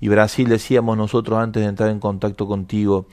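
Argentine guy hosting radio interview, slightly low voice, close dry sound, encouraging. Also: little pitch movement, fairly quick, a little mellow, no room sound.

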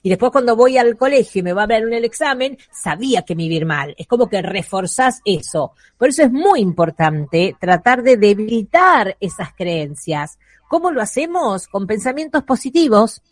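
A woman's voice: fairly high pitch, lively intonation, normal speed, dry recording. A woman with an Argentine Spanish accent, explaining on a radio show how thoughts shape children's emotions, acting out little voices in her examples. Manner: uses voiced examples and asides. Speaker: guest speaker on parenting and emotions.

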